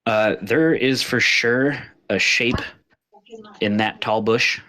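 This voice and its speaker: Forceful-voiced man running a tabletop game. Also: medium pitch. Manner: halting, informal. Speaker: game master. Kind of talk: casual tabletop game narration.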